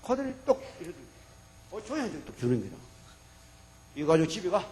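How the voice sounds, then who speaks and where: A male pastor with a Gyeongsang accent, preaching a sermon as animated storytelling. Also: high-pitched, brisk.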